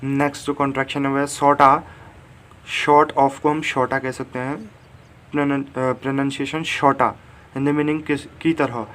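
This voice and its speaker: A man teaching English grammar. He reads the English examples slowly and clearly, then explains them in Hindi with many fillers. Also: medium pitch, level tone, a bit bright. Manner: frequent fillers and tag "theek hai". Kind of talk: bilingual grammar lesson.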